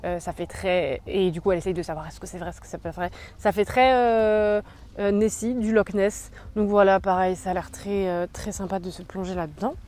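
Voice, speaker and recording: A woman's voice: mid-range voice, fairly even intonation, brisk, darkish tone. A young woman chatting casually about books she bought, full of slang and fillers. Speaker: book vlogger. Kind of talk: casual book haul chat.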